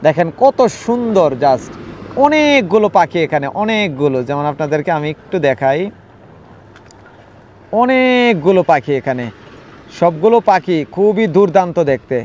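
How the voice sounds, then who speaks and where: A man narrating a casual travel vlog outdoors from a safari vehicle, excited and sometimes hushed while he films wildlife. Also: sits high, moderate pace, slight background noise. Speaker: travel vlogger.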